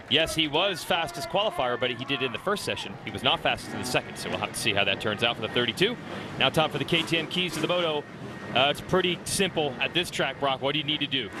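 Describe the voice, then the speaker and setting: A man's voice: medium pitch, animated, fairly quick, noisy background. A man calling a live motocross broadcast at a racetrack, projecting like an announcer. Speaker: play-by-play commentator and host of the broadcast.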